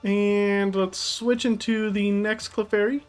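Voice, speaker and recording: A woman's voice: medium pitch, fairly even intonation, takes it slowly, darkish tone, clean tone. A woman giving casual commentary on her card game deck, chatty and thinking aloud as she plays. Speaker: gaming YouTuber. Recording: faint background music.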